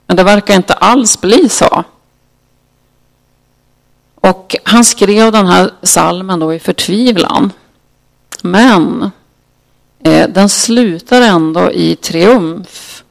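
Gravelly-voiced preacher reading scripture slowly. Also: mid-range voice. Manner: unhurried, halting with fillers, reads scripture slowly and solemnly. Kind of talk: devotional talk with scripture reading.

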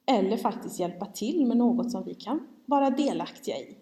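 Svensk kvinna som predikar i en kyrksal. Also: female voice, medium pitch, animated, warm tone. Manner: candid storytelling, self-mocking. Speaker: preacher. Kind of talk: sermon. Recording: long hall reverb.

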